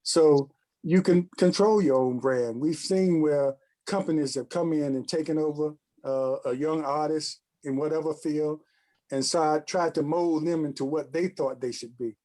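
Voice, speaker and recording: A man hosting a casual talk show, giving measured, thoughtful commentary in long musing runs. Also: fairly high pitch, steady tone, mellow.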